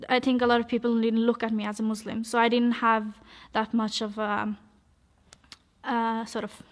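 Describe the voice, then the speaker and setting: A young Norwegian woman tells her personal story in a vlog, halting and hesitant, with many fillers and restarts. Her voice is fairly high and keeps an even, flat contour.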